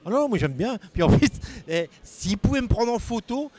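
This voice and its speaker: A man's voice: very high voice, very animated, normal speed, mellow. A man chats informally and exclaims freely as he conducts a casual radio interview.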